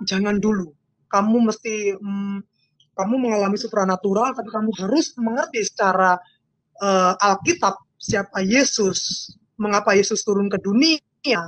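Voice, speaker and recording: A woman's voice: medium pitch, no echo. A woman telling her personal faith testimony with strong emotion, often repeating phrases, her voice sometimes breaking into tears. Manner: animated storytelling. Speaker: guest giving a testimony.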